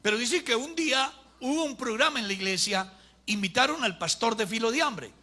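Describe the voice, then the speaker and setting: A pastor preaching a sermon in a fairly high voice. His tone is strikingly bright and forceful. He tells stories and drives his points home with rising emphasis. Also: expressive, a little fast. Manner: storytelling preacher, builds to emphatic climaxes.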